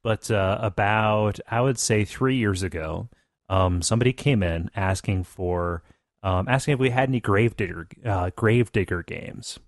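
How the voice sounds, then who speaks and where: A man's voice: on the low side, normal speed, dry recording, studio quality. A man hosting a casual podcast chat, rambling and joking with many restarts. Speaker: podcast host.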